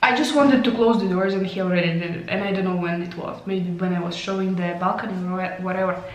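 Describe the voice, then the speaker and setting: Her voice is on the low side, steady and quick, with the highs cut off. She's a young vlogger, not a native English speaker, chatting to a handheld camera at arm's length in an echoey tiled hotel bathroom, often laughing and losing her voice.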